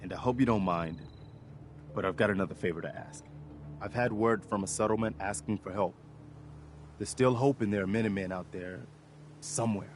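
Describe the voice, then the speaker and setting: A man's voice: on the low side, fairly quick, pauses often, slight background noise, lightly acted. A man voicing an earnest, polite male militia leader in video game dialogue. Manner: earnest, polite, asks favors.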